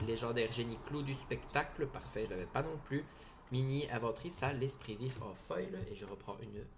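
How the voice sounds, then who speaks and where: A man's voice: mid-range voice, background noise. Man rattling off card names casually. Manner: rattles off card names in lists, with brief excited asides. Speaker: card-opening video host. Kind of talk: casual narration of a card pack opening.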